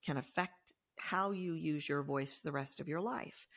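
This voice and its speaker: A Texan woman with a matching accent appears as a podcast guest, describing her work as a voice coach with emphatic, animated energy. Her voice is low-pitched and her pace measured.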